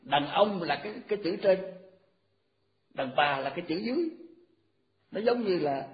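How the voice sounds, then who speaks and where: A man's voice: high voice, animated, normal speed. A man in his eighties, a Buddhist monk, giving an informal, folksy dharma talk and rattling off memorized verse formulas. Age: 80s. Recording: echoey, muffled recording.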